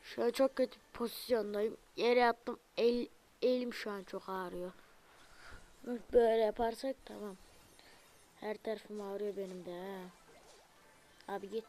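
A young woman commentating her own gameplay, alternating muttered remarks with loud frustrated outbursts and asides to viewers. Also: mid-range voice, a little slow, long pauses. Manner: excitable, frustrated outbursts at the game; talks to viewers, asks them to subscribe. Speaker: gaming video creator; student.

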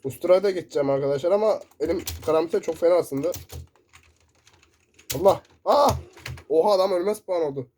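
A man commentating his own first-person shooter gameplay, excitable and shouting in bursts, keyboard clicks close by. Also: on the high side, fast talker, long pauses, slight background noise. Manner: excitable, shouting in sudden bursts during play. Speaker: gaming YouTuber. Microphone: desk mic picking up keyboard. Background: loud keyboard typing.

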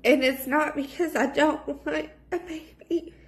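A woman's voice: high voice, steady tone, a little slow. A woman in her thirties speaking in a personal, confessional vlog, recorded on a phone in a small room. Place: small plain indoor room. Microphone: phone at arm's length.

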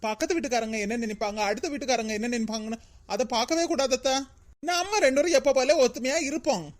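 A sweet, obliging young daughter-in-law from a comic cartoon, voiced by a woman. She talks in a fairly high, soft voice with a Kanyakumari Tamil accent and answers agreeably. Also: quick pace, close to an everyday voice. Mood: agreeable.

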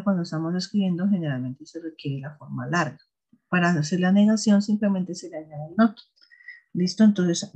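An English teacher explains a lesson in a recorded class, patiently pausing to check understanding with a repeated "¿listo?". The voice is medium-pitched and darkish, and the recording is dull and lo-fi.

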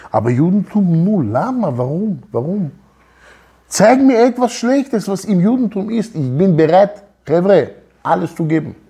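A man's voice: on the high side, darkish tone, breathy edge. A man in his thirties giving an emphatic Torah lecture, firing rhetorical questions and mixing in Hebrew words, recorded on a lapel mic in an office room. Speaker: Torah teacher. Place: office room with wooden wall.

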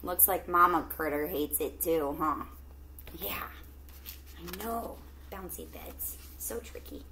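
Speaking at an average pitch, a middle-aged teacher takes her time reading a children's book aloud, lingering expressively on words and turning to the kids with gentle questions. She records on a home webcam in a small plant-filled room, and faint background noise can be heard.

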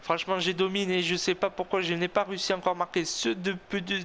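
Excitable high-voiced man gaming. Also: fast talker, a little hiss or hum. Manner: tense, excitable, cheering himself on, repeating words. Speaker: gaming video host. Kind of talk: excited self-commentary of a football video game.

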